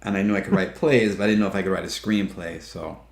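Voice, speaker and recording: Gravelly and low, with a steady tone and quick pace, the voice belongs to a filmmaker in his fifties. Guesting in a relaxed interview, he spins stories, laughs frequently, and acts out what others said, while the room adds a roomy echo.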